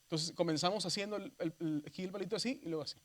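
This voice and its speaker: A man teaches a classroom of seminary students. He walks them slowly through the Greek alphabet, checking in with them again and again and naming each letter aloud. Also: high-pitched. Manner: patient, repeats "¿verdad?" and spells letters aloud; addresses students as brothers. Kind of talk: classroom lesson.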